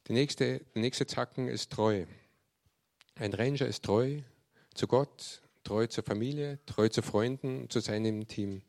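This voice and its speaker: Gravelly man preaching. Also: medium pitch, a little slow. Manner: lively storyteller who acts out quoted speech. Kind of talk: sermon with Bible reading.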